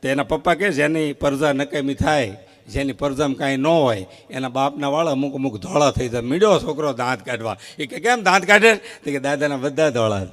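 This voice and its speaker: A man's voice: mid-range voice, fairly quick. Man telling jokes on stage. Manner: animated joke-telling, acting out short quoted exchanges. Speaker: stand-up comedian at a folk stage show. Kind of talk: live comic storytelling on stage. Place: live outdoor stage event before an audience.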